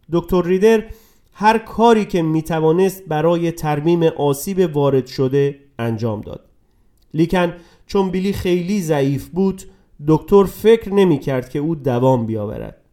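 A man narrating a dramatic story in a scripted reading, dropping to a hush and rising with emotion. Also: fairly high pitch. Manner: dramatic, swings between hushed and raised voice.

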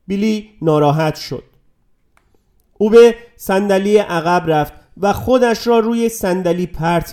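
Male narrator, storybook reading, measured and dramatic, high for a man. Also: a little mellow.

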